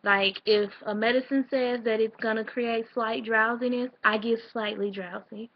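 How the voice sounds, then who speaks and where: Young woman vlogger, a little out of breath, chatty and rambling, slightly high voice, muffled home recording. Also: fairly even intonation, moderate pace. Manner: rambling, chatty, with fillers and restarts. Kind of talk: casual late-night vlog talk.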